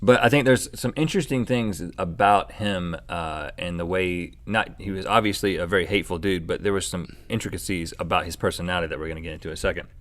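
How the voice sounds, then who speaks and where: A man's voice: low voice, quick pace, few pauses, a bit bright. A man co-hosting a casual comedic talk show, bantering playfully and reading an ad spot. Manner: playful, banters and reads ad copy. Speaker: co-host.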